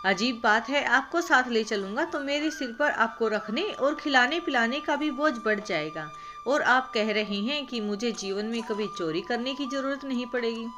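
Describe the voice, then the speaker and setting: A woman's voice: a little high, moderate pace, natural voice. A woman reading a storybook voices a polite, kind-hearted male village thief who speaks respectfully. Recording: background music.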